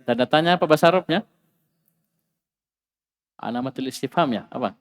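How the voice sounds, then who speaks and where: A man's voice: a little high, brisk, big-room sound. A man teaching an Arabic class, who asks the students questions and repeats key words with rising emphasis.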